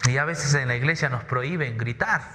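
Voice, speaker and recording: A man's voice: mid-range voice, brisk, big-room sound, a crowd in the background. A man preaching a sermon in church, emphatic, often repeating words and asking rhetorical questions. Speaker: pastor. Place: church hall.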